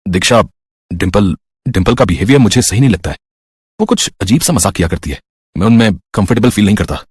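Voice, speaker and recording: A woman voicing a shy, uneasy young husband in a storybook tale, speaking in a lowered, husky voice. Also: lively intonation, brisk, a little mellow, no room sound, clean studio sound, full character voice. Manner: hesitant, then stern. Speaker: narrator voicing a character. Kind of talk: storybook narration.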